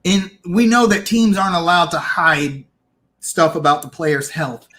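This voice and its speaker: A man co-hosting a casual sports podcast, opinionated and animated, restarting his sentences as he argues. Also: fairly high pitch, measured pace. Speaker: podcast co-host.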